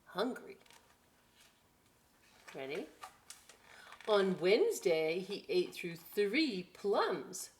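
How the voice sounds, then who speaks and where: A middle-aged woman reads picture books aloud to little kids during a library storytime, sounding playful and chatty with plenty of asides. Her voice sits on the low side, and there's a little hiss or hum in the recording.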